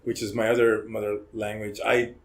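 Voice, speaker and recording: A man in his forties who grew up in Hong Kong, a criminal defense lawyer, chats freely as a guest on a casual podcast. He's a talkative storyteller who often ends sentences with "right?", speaking in a lowish monotone at a moderate pace.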